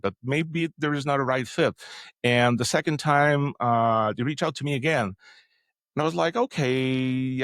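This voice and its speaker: A man in his forties from Quebec, Canada, a native French speaker with a Quebec French accent, talks in a mid-range, slightly bright voice, recorded clean in a studio with no echo. As a developer advocate guesting on a podcast, he tells a long career story in a casual interview answer, full of fillers and restarts.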